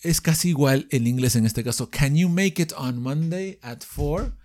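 A man's voice: a little high, unhurried, darkish tone. A man from Peru with a Peruvian Spanish accent, teaching English phrases in a podcast lesson and often checking in with his listeners.

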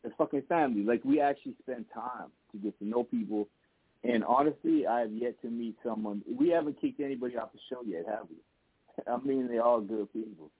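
A husky-voiced man co-hosts a casual group voice chat. His talk is slangy and affirming, at an average pitch. The audio is thin and phone-like, with no room sound. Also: fairly quick, no room sound. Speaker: co-host of a music show. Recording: narrow-band, dry online voice chat.

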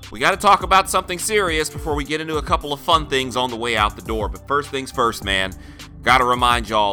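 Male podcast host, very bright forceful voice, showy announcer flair, casual slang, faint music bed. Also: medium pitch. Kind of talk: energetic podcast monologue with plugs.

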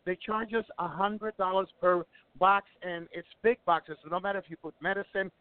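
A man's voice: high-pitched, fairly even intonation, normal speed, smooth, dry recording. A middle-aged man from Ecuador telling wrestling stories in a casual radio interview, rambling with many restarts. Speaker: wrestling promoter and guest. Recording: tinny phone line.

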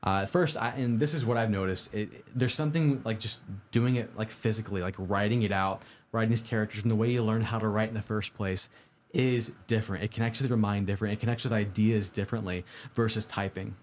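Man, slightly low pitch, livestream host, upbeat tidy advice vlogger, informal, conversational, addresses viewers directly. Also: steady tone, fast talker, slight background noise. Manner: informal, conversational, posing questions to the audience. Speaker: host of a live-streamed IT study show. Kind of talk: casual livestream advice talk.

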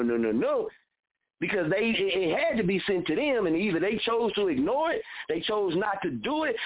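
A man in his thirties hosting a radio show, giving a blunt, fired-up motivational talk full of repetition and cursing. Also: high voice. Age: 30s. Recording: phone-like narrow audio.

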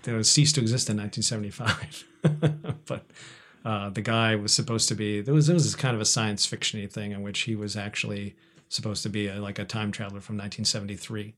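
A man's voice: lowish voice, steady tone, a little fast, a bit bright. A middle-aged man talking about his stage acting as a guest on a radio show, chatty and laughing often. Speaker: radio guest, community theater actor. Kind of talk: casual radio chat. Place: radio studio.

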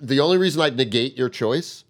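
A man's voice: medium pitch, animated, brisk. A man chatting casually about sports, blunt and opinionated, swearing now and then.

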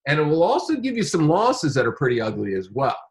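Man, day trader, casual chat, animated, rambling. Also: a little high, fast talker. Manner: animated, rambling, many restarts. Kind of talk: casual conversation.

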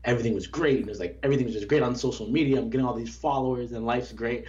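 A man's voice: medium pitch, rapid-fire, a little mellow, a little hiss or hum. A young man, a former Olympic runner, talking earnestly and reflectively in a casual interview, often restarting his sentences. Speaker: former Olympic track athlete, guest. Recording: dull lo-fi sound.

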